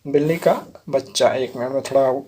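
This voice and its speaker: Spelling out each English word and patiently explaining it, a man runs a vocabulary lesson, frequently checking in with "theek hai." He speaks at a moderate pace in a steady, dark, medium-pitched voice, with a little hiss or hum in the audio.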